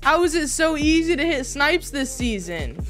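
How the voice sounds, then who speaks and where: A woman giving excited gameplay commentary in a hyped, slangy gamer-bro manner. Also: high-pitched, normal speed, faint music behind. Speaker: gamer, video host.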